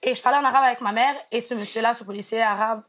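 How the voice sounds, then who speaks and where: A woman's voice: on the high side, fairly even intonation, very fast, fairly bright tone. A young woman from Montreal, telling a story casually and animatedly, mixing in English slang. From Montreal, Canada. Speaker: guest storyteller.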